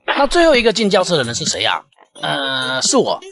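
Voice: medium pitch, wildly swooping pitch, brisk, fairly bright tone. An actor playing cheeky, scolding schoolroom characters in a comedy skit, talking in internet slang Mandarin. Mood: indignant.

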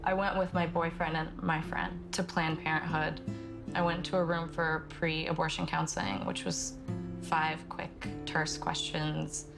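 Low, flat-voiced young woman, soft and halting. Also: gravelly. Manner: halting and soft-spoken, many pauses and fillers. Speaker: interviewee. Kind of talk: documentary testimony. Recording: documentary with guitar music underneath.

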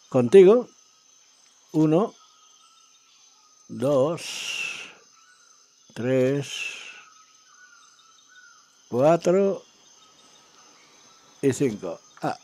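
A man giving casual, excitable commentary as he plays a game, talking to himself and his viewers. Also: mid-range voice, no room sound. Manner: talks to himself and viewers while exploring, excitable. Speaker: gaming video creator.

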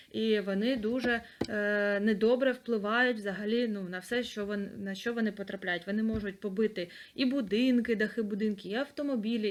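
A woman teacher giving an online language lesson to children, patiently dictating and repeating words syllable by syllable. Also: mid-range voice. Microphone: computer mic, screen recording.

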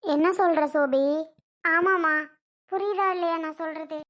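Protective young daughter in a family skit, high, insistent and pleading, played by a woman. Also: fairly even intonation, moderate pace, fairly bright tone. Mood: urging.

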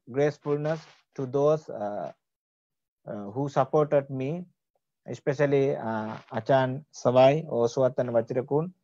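A man in his forties from Sri Lanka giving an online lecture in a deliberate manner with many fillers, over a video call from an office. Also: medium pitch, darkish tone, no echo. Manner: slow, deliberate, with frequent fillers. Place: office with bookshelves. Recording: dull lo-fi video call audio.

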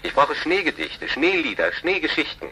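An actor playing an officious, easily exasperated radio department boss in a German radio drama. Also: male voice, a little high, huge pitch swings, normal speed, bright, forceful tone, breathy edge, heavily acted, low-quality recording. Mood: fussy, exasperated.

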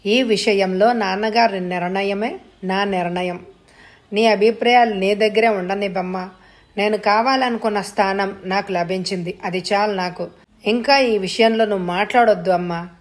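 A woman voicing a quiet, respectful young woman who speaks softly but steadily in an audiobook story. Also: mid-range voice, steady tone, moderate pace, natural voice. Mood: firm.

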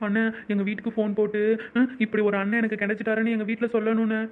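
A voice actor playing a sly, tearful pregnant young woman who rushes through a sobbing lament. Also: mid-range voice, little pitch movement, natural voice. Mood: pleading. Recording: tinny phone-like sound.

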